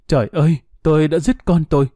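A man's voice: a little high, steady tone, a little fast, warm tone, no echo, studio quality, lightly acted. A man voicing a desperate young mother who pleads and wails. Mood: anguished. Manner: pleading, wailing.

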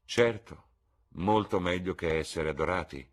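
A man voicing a witty, cynical aristocratic gentleman in an audiobook reading, with a husky voice and a drawling, ironic delivery. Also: low-pitched, measured pace.

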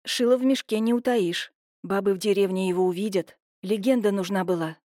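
A woman voicing a quiet, sensible young woman who speaks calmly. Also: mid-range voice, brisk, dry recording, clean studio sound, natural voice. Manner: quiet, calm.

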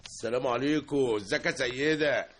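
An actor playing a cheeky, meddling Egyptian barber in a radio drama, with a flirtatious way of talking. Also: male voice, mid-range voice, a little fast, a bit bright, a little hiss or hum, close to an everyday voice. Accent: Egyptian Arabic.

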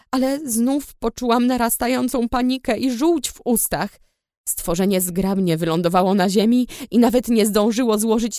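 A woman's voice: a little high, darkish tone, no echo, clean studio sound. A woman reading a first-person audiobook story in a tense, dramatic way. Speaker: audiobook narrator. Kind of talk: first-person scripted narration.

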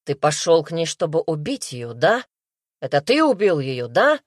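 A woman's voice: low voice, sing-song, normal speed, no echo, clean studio sound. A woman voicing a harsh, barking male detective. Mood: furious. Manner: harsh, barking, pressing questions. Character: angry male detective interrogating a suspect. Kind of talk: audiobook character voice.

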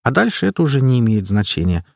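A man narrating a first-person audiobook in a steady, measured manner. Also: mid-range voice, creaky, no room sound, studio quality.

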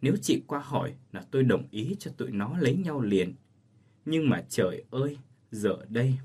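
A grief-stricken older village schoolteacher, choked and resigned, as a male narrator reads him. His husky voice rises and falls widely. It stays close to the reader's own voice in an audio ghost story. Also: medium pitch, expressive, normal speed, warm tone. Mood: grieving. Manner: choked, sorrowful speech.

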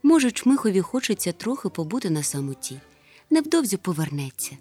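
A woman voicing a gentle, caring troll mother who talks in a soft, fussy, soothing way. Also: mid-range voice, big pitch swings, fairly quick, breathy edge, soft background music.

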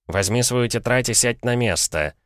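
A man's voice: mid-range voice, normal speed, fairly bright tone, no room sound, clean studio sound, voice pushed up, natural voice. A man voicing an earnest, mild-mannered schoolmaster lecturing a pupil in an audiobook.

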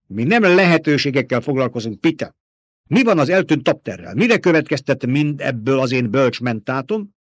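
A man voicing a cruel, domineering baron in an audiobook, with a sharp, commanding delivery. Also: medium pitch, animated, no room sound, close to an everyday voice.

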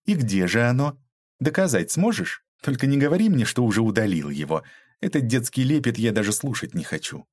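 Man doing a sharp, mocking woman detective. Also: medium pitch, big pitch swings, a little fast, dry recording, voice pushed up. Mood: stern. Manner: mocking, cold, lecturing. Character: tough, ironic young woman detective.

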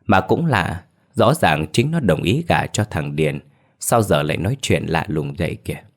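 A man narrating a scripted ghost story in a calm, measured storytelling manner. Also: sits low.

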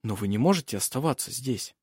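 A man voicing a smitten young man who talks softly and quietly. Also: mid-range voice, lively intonation, quick pace, husky, dry recording, clean studio sound.

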